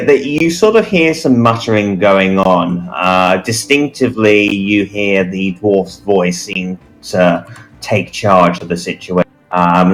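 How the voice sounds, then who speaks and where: This man runs a tabletop game from behind the screen. He speaks slowly and in a fairly low register, and a faint strand of music sits under him. His narration is measured and keeps pausing on fillers. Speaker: game master.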